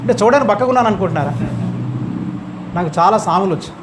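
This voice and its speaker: A man preaching a sermon in a high voice at a quick clip. He drives his points home with emphatic rising questions to the congregation. Faint room ambience sits behind him. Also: animated, background noise.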